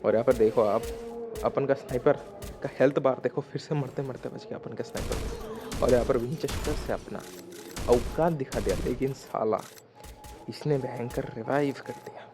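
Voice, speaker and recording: A young man giving casual, slangy, excited commentary over his gameplay highlights. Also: moderate pace. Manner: excited, slangy, talks to viewers as "bhai". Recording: voice-over with loud background music.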